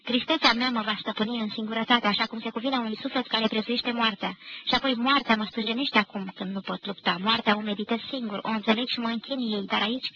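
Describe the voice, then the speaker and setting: A woman reads a novel aloud in a slow, grave, measured way. Her voice is gravelly and bright-edged. The sound is a dull, lo-fi 1990 radio archive tape with a faint hiss underneath. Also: fairly high pitch, steady tone. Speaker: reader. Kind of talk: literary reading of a novel.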